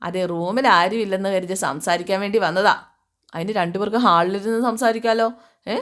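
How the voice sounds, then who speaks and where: A woman's voice: mid-range voice, moderate pace, a bit bright, natural voice. A woman voicing a blunt, mocking young man who speaks curtly and sarcastically. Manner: sarcastic, curt.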